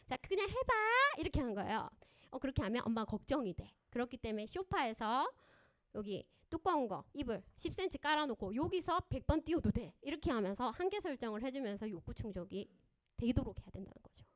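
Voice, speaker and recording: A woman counselor giving a parenting seminar at a church, animated and often quizzing her audience with questions. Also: a little high, fast talker. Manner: acts out parents and children in lively voices.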